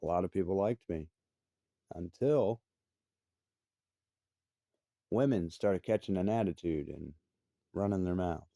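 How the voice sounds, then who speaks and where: A man's voice: low-pitched, measured pace, pauses often, warm tone, dry recording. A man in his thirties giving an angry, profane personal rant. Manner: profane, confrontational, heated. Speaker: vlogger.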